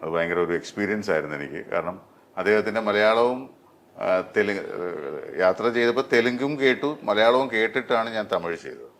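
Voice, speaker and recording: A middle-aged man, a dubbing artist, talking in an interview with many pauses and fillers. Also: fairly low pitch, fairly bright tone. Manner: hesitant, many fillers and restarts. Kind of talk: interview conversation.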